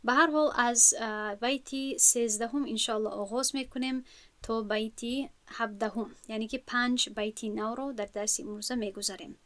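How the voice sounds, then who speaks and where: A woman's voice: fairly high pitch, steady tone, a bit bright, dry recording. A woman with a Tajik accent, teaching an online lesson on recitation rules and drawing out example words with care. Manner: slow, careful, drawn-out demonstration of words.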